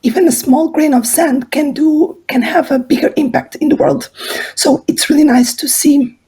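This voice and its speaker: A hoarse, husky woman gives an earnest conference talk, telling it like a story. Her voice sits high but has a mellow, soft tone. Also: fairly even intonation, normal speed. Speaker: conference speaker.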